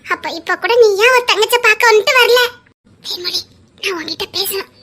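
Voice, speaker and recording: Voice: very high-pitched, fairly quick, bright, forceful tone. A performer playing an emotional young woman with a Tirunelveli Tamil accent, who pleads with her friend and teases her.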